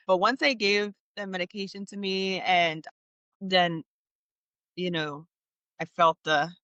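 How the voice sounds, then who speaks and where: Bright-voiced chatty mother telling stories. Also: lowish voice, no room sound. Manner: animated, laughing, many restarts. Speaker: podcast guest. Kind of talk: candid storytelling chat.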